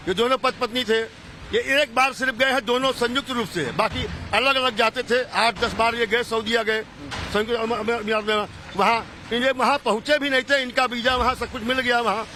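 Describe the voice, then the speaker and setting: A local councillor being interviewed outdoors on the street, speaking heatedly with many restarts. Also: male voice, very high voice, steady tone, sharp tone, slight background noise. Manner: heated, indignant, halting speech.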